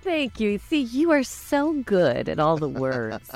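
Lively, effusive Canadian woman. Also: mid-range voice, slow pace, faint music behind. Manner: effusive, enthusiastic. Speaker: co-host. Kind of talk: casual chat.

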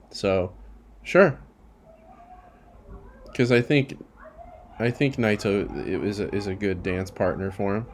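Low-voiced man musing on a podcast. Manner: hesitant, restarts, opinionated. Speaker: podcast co-host. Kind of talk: casual wrestling podcast chat.

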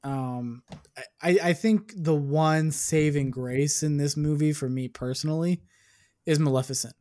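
A man co-hosting a film review podcast, giving his opinions in measured, dry remarks. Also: on the high side, a little mellow. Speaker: podcast co-host. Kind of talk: casual film review chat.

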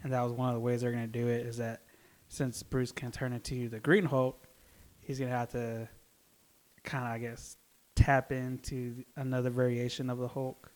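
Casting: average-pitched man, talky and explanatory. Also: flat delivery, normal speed, darkish tone. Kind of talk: casual chat.

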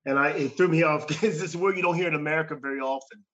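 A male host with a slightly higher voice talks in a friendly, stammering way and laughs easily. The sound is a bit dull and lo-fi. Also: fast talker, a bit bright. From Canada. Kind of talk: casual conversation.

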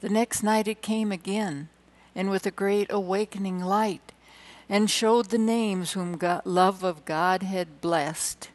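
A woman reading poems aloud with dramatic emphasis, slowing and swelling on key lines, with hesitant asides between poems. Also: medium pitch, fairly even intonation, low-quality recording. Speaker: poetry reader.

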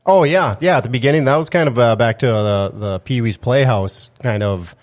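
A man's voice: medium pitch, normal speed. A man co-hosting a casual movie chat in a studio, rambling with lots of fillers. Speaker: podcast co-host.

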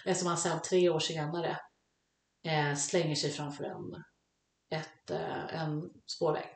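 A woman speaks in a slightly low voice, pausing often as she gropes for the right words. Her talk is a relaxed, thoughtful chat about music. The sound carries noticeable room echo. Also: creaky. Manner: halting and reflective, searching for words. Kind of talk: casual chat about songs. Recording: echoey room.

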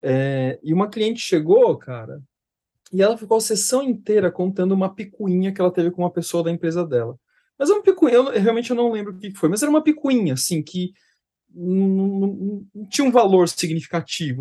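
A man with a Brazilian accent, a therapist and podcast co-host, telling a case story in casual chat with animated restarts. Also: high-pitched, fast talker.

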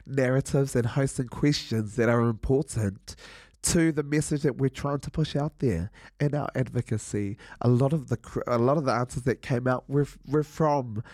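A man from Northland with a New Zealand Māori accent, a podcast guest speaking earnestly and haltingly with many fillers. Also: mid-range voice, a little mellow, no echo, clean studio sound. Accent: New Zealand Māori English. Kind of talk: reflective interview talk.

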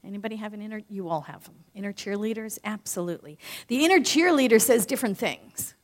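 A woman speaking to a group as a spiritual speaker, leading a guided reflection. She moves between emphatic phrases and soft, hushed ones. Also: mid-range voice, expressive, fast. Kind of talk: guided reflection in a live talk.

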